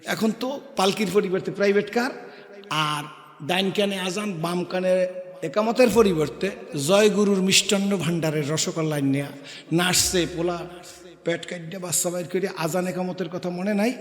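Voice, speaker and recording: Fiery preacher echoing through loudspeakers. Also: male voice, sits high, normal speed. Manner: calls on the crowd to answer loudly, sings couplets. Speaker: Islamic preacher. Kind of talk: waz sermon to a large gathering. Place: outdoor sermon gathering with loudspeakers. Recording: echoey PA sound with long reverb.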